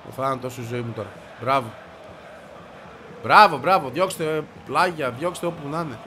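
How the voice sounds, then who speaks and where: A man with a stuffy, congested voice giving excited commentary as he plays a football video game, shouting and grumbling at the match. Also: medium pitch, a little hiss or hum. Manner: shouts and yelps at the game, frustrated outbursts. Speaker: gaming video creator.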